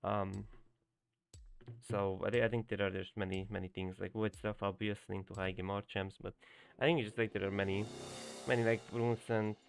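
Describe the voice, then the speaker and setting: Creaky and lowish, with little pitch movement and a moderate pace, this young Hungarian-native speaker offers casual live-stream coaching commentary that rambles loosely, peppered with fillers and restarts.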